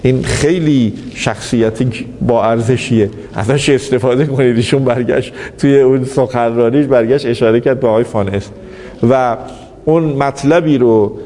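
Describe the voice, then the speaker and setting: Male lecturer, anecdotal storyteller, mellow voice, faint room noise. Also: mid-range voice. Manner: storytelling, animated quoting of others. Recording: reverberant hall, faint background noise.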